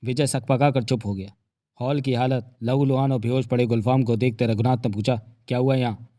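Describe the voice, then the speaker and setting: A man narrating an audiobook with vivid, dramatic storytelling. His voice sits at an ordinary pitch, and the recording is dry and close with no room sound. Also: fairly even intonation, brisk, mellow, no room sound. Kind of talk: dramatic novel reading.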